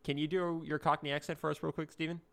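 A man's voice: fairly high pitch, little pitch movement, fast, gravelly. A man hosting a casual podcast. He teases his co-hosts and leads the talk. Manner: teasing, leading the conversation. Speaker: podcast host.

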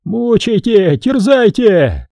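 Male reader doing a whiny, sobbing priest, pitched way up, mellow dark tone. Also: sing-song, moderate pace, no room sound, studio quality, heavily acted. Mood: wailing. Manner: whining, sobbing, high-pitched pleading. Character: wailing cowardly captive male priest, a poisoner. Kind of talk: audiobook character voice.

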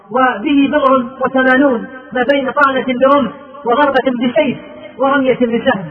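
A man giving a sermon as a preacher, telling the story with fervor and quoted speech. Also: extremely high pitch. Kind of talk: sermon narrating early Islamic battle history. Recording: tinny phone-like recording.

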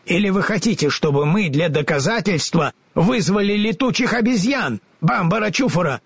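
A man reading a storybook, voicing a male scarecrow who is bold and shouts in fury. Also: high-pitched, lively intonation, moderate pace, husky, no room sound, studio quality, pitched above the performer's own voice, exaggerated voice. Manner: furious shouting.

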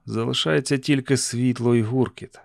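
Brief: male audiobook narrator, middle pitch, dry and ironic first-person delivery, close and dry recording. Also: steady tone, normal speed, creaky, no echo.

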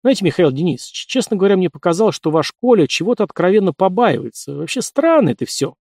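A measured army major questions people in a steady, deliberate way, as a male narrator reads him. The voice sits a little high. The sound is dry and close. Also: vocal fry, no room sound, full character voice.

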